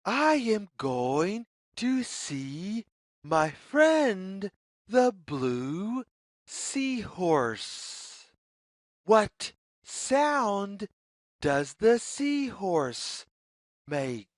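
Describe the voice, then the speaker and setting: Reading a picture story aloud for young children, a woman with a mid-range voice moves very slowly and spaces her phrases apart. Her delivery is deliberate and singsong, with repetitive phrasing and a lively melody that swoops widely up and down. The recording is dry, with no room echo.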